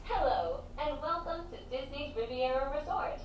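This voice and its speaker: A woman giving a calm, polished, soft welcome announcement, played back over a cabin loudspeaker. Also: sits high, moderate pace. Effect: cabin loudspeaker playback. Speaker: recorded announcer. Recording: echoey loudspeaker heard from far off with background hum.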